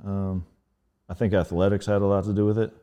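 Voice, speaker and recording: A man from Northern Virginia, a podcast guest, talking in a laid-back, halting way with lots of fillers. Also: lowish voice, level tone, mellow, clean tone. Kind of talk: casual interview chat.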